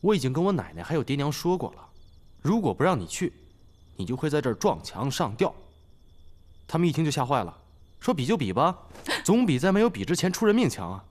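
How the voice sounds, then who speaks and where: A man's voice: fairly high pitch, sing-song, fairly quick, long pauses, a little mellow. Young husband coaxing his wife, voice swoops a lot. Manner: coaxing, soothing tone. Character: good-natured young husband of a noble family. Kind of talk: historical TV drama acting.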